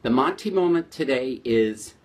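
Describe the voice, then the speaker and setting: A man's voice: mid-range voice, expressive, moderate pace. A man hosting a short etiquette segment, talking casually to camera in a playful, mock-exasperated way.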